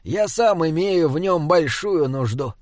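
A man's voice: a little high, expressive, measured pace, dry recording, studio quality. A man playing a mischievous little troll. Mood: playful. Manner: formal, oddly stilted speech. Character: small cheerful male troll, mischievous.

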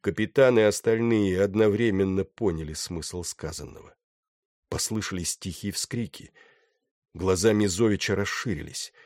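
A man narrating a novel with steady, dramatic storytelling. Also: low voice, moderate pace, no echo, studio quality. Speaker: audiobook narrator. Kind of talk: scripted narration.

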